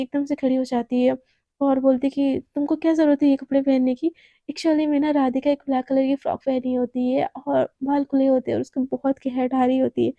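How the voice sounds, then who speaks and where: Woman storyteller, chatty, high voice, dry close sound. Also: dark tone, no room sound. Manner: chatty, breathless retelling. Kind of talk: narrating a love story.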